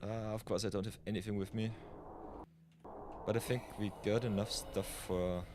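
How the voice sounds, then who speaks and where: A man's voice: lowish voice, fairly even intonation, normal speed, noisy background. A man from Austria chatting casually while streaming a game, thinking aloud as he plays. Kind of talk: live gameplay commentary.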